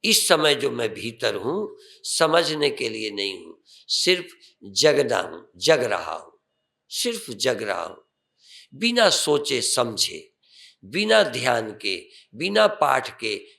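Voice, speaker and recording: Slow gravelly older swami guiding meditation. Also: male voice, mid-range voice. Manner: slow, calm instructions with rising emphatic phrases. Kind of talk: guided meditation sermon.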